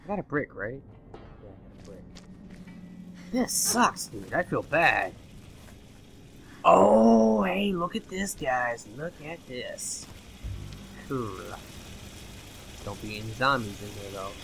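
A young man doing let's play commentary, excitable and swearing at the game, his voice going hoarse. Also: mid-range voice, a little slow, long pauses, over music. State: losing his voice. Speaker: gaming channel host.

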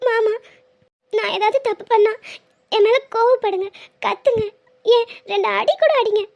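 A piping, very high young wife from a cartoon, sulky and clingy. She pleads and teases by turns. The recording is muffled and lo-fi. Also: lively intonation, a little fast. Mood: tearful pleading. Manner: pleading, teasing banter. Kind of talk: cartoon dubbing. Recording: dull lo-fi sound.

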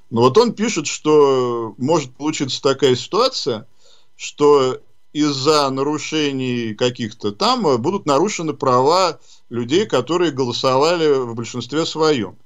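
A man hosting a call-in radio show, explaining things in a measured way with some hesitations. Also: medium pitch, dull audio. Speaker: radio host. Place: radio studio.

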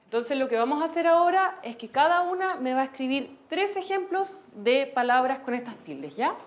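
An actress playing a patient, gentle schoolteacher in a television drama, with a Chilean accent. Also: female voice, high voice, sing-song, normal speed, slight background noise. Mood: teaching. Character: warm young female schoolteacher.

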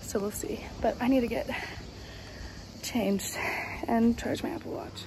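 A young woman vlogging her trip from a hostel and a beach, chatty and excitable, swearing casually and sometimes dropping to a hushed whisper. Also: on the high side, unhurried, creaky, background noise. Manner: often drops to a hushed whisper in shared rooms. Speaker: travel vlogger. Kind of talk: casual travel vlog.

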